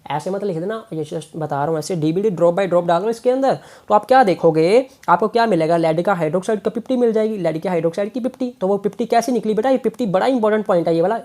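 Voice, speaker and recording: A man's voice: high voice, fast talker, hardly any pauses, warm tone. A male tutor teaching a chemistry exam lesson, coaxing his students and repeating key points. He mixes English terms into his Hindi.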